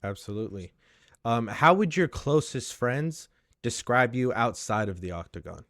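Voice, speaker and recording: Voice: mid-range voice, lively intonation, moderate pace, a bit bright, no room sound. Interviewer with a close, dry sound. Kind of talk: casual interview questions.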